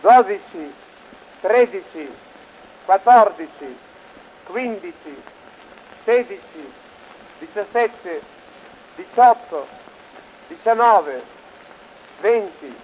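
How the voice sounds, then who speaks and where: A man teaching a language lesson, reading phrases and numbers in slow, deliberate, clearly enunciated drills, on a dull lo-fi old record. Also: high-pitched, a little mellow, a little hiss or hum.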